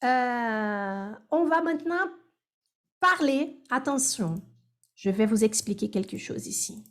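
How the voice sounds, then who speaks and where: A woman teaches French over a video call. She speaks slowly, drawing phrases out syllable by syllable so her students can copy the rhythm. Her voice sits a little higher than most. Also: expressive, fairly bright tone. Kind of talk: online class drills.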